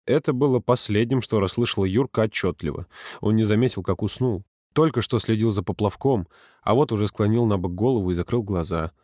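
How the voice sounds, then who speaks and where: A man narrating a story in a calm, steady audiobook reading. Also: on the low side, fairly quick, dry recording, clean studio sound. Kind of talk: scripted narration.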